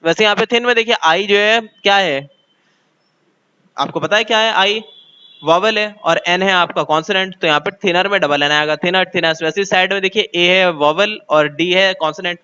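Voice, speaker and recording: A man with an Indian accent teaching English grammar in Hindi, explaining step by step, asking the class questions and reading English rules out slowly. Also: sits high, sharp tone, clean tone, lo-fi sound.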